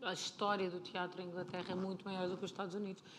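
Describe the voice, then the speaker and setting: A woman with a European Portuguese accent, a film and television producer, appears as a guest in a live stage conversation, explaining things in a chatty, informal way. Her low-side voice is flat and rapid-fire, with clear ambient noise of a busy convention behind her.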